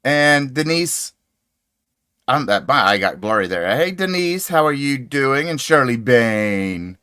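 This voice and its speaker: A man's voice: mid-range voice, big pitch swings, slow pace, smooth, dry recording, clean studio sound. A man hosting a casual crochet livestream, greeting viewers by name, laughing easily, talking into a desk mic at home. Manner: chatty, greets viewers warmly, laughs often. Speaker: crochet channel host. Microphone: desk microphone.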